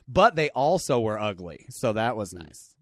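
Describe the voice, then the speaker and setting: A man's voice: fairly low pitch, very animated, normal speed, a bit bright, no room sound. A man with a slight lisp and a mixed, faintly Midwestern American accent, chatting as a podcast guest and joking at his own expense. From Seattle and New York, USA. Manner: self-deprecating, laughs through his lines. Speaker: guest comedian and skateboarder. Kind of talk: casual podcast chat.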